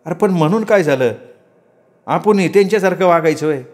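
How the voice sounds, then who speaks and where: A man's voice: sits high, animated, fairly quick, pitched above the performer's own voice. A man voicing a bitter young farmer. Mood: weary. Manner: plain, grumbling, resentful. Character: young male farmer, poor, bitter, weary.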